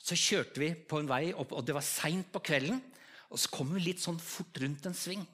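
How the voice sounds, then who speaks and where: A man with an Eastern Norwegian accent delivers a sermon in a notably high voice. He tells personal stories in an easy, conversational way. He keeps pulling his listeners in with direct questions. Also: fairly bright tone. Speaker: preacher. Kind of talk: storytelling sermon to a live audience.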